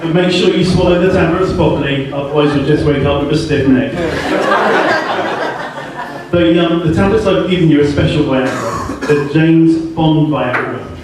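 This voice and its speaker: A man giving a joking best man speech in deadpan delivery at a wedding reception. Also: on the high side, normal speed. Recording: echoey hall from far off, laughing crowd. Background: guests laughing.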